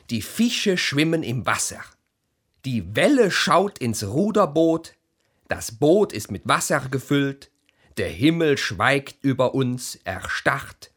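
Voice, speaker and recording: A man playing a poetic narrator of a storm at sea, reciting dramatically with incantatory repetition in a husky voice. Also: a little high, fairly bright tone, exaggerated voice.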